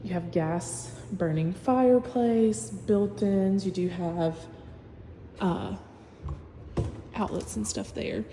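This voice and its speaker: A woman's voice: medium pitch, slow pace, long pauses. A woman working as a real estate agent, giving a casual room-by-room tour of a new house in a chatty, matter-of-fact way. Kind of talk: casual home-tour walkthrough. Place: empty new-built house, indoors. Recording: echoey empty rooms with long reverb, faint hum.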